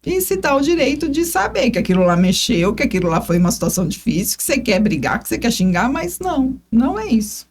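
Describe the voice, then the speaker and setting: A woman's voice: on the high side, fast, few pauses, breathy edge. A Brazilian woman co-hosting a podcast, speaking casually and with emphasis. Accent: Brazilian Portuguese. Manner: expressive, emphatic, many agreeing murmurs. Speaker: podcast co-host.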